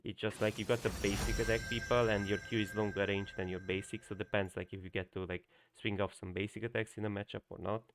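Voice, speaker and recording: Delivering flat, quick commentary with few pauses in a fairly low voice, a young man whose native language is Hungarian coaches on a live stream, talking in a loose, rambling manner full of fillers and false starts.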